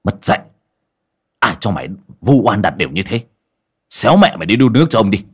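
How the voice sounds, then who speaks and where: A man voicing a harsh, stern father who speaks in a clipped, gruff way in a spoken folk horror story. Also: low-pitched, sing-song, fast talker.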